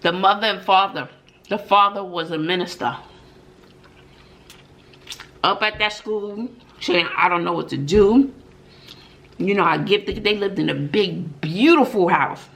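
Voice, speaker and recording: In a relaxed story-time and opinion chat, a middle-aged woman who vlogs mukbang and teaches middle school speaks emphatically to viewers, tossing in rhetorical questions and many "mm-mm"s. She has a mid-range, slightly bright voice and an unhurried pace with long pauses.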